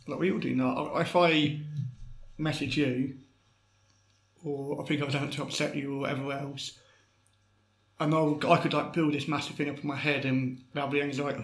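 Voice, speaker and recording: A man with a somewhat high voice who talks in a loose, rambling way, scattered with fillers and jokes. He sounds easygoing and casual. The room behind him gives a clear echo. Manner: rambling, filler-heavy, jokey. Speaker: podcast co-host. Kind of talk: casual chat. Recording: roomy echo.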